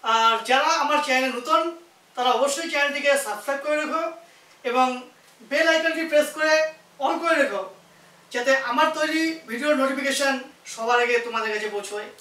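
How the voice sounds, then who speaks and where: Speaking a little fast in a very high, bright and forceful voice, a man from India leads a vocabulary lesson for English learners. Each word is spelled out letter by letter and patiently explained, with his voice reaching the mic from afar in an echoey room.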